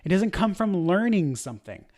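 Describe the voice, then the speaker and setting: A man's voice: sits high, moderate pace. Chatty, self-deprecating man teaching. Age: adult. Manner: self-deprecating and chatty, acts out panicked and calm voices as examples. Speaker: course instructor for church media teams. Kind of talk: casual teaching talk to camera.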